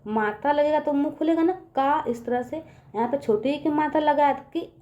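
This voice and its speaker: Woman teacher, high voice, mellow tone, patient, dull lo-fi recording. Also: fairly quick. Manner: patient, repeats words often. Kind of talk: children's lesson.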